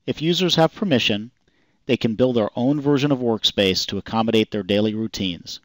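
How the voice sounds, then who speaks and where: A man calmly reading a scripted software demonstration voice-over in an even, explanatory way. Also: medium pitch, fairly quick, no echo. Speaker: software demo narrator. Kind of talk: scripted product demo narration.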